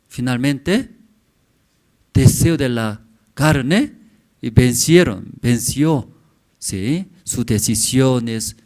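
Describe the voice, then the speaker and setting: A pastor in his forties preaches in church with a mid-range, slightly mellow voice. He talks in short, halting phrases and keeps turning to the congregation with questioning "mm?" tags.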